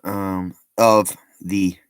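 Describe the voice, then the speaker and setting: A man's voice: sits low, level tone, extremely slow, smooth, dry recording. A man giving casual, rambling commentary as a vlogger, breaking off with joking asides and plenty of ums and restarts.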